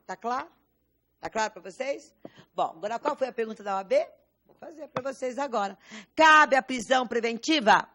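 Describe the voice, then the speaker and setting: A woman's voice: a little high, sharp tone. A Brazilian Portuguese woman teaching a law class, quizzing students with rhetorical questions and stressing key words. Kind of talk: classroom lecture.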